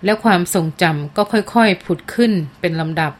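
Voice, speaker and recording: A woman narrating a novel aloud in a measured, steady reading voice. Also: on the low side. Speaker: audiobook narrator.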